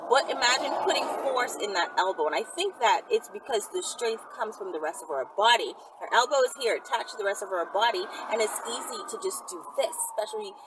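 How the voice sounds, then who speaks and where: Expressive and fast-talking, a woman with a mid-range voice barely pauses as she hosts a casual question-and-answer video. She's frank and emphatic in a conversational way. A distant mic picks her up along with clear background noise.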